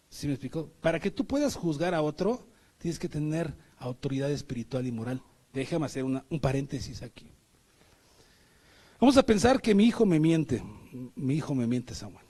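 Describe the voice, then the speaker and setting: Mexican man preaching, middle-aged, husky mellow voice, emphatic, rhetorical questions. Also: a little high. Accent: Mexican Spanish. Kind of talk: sermon.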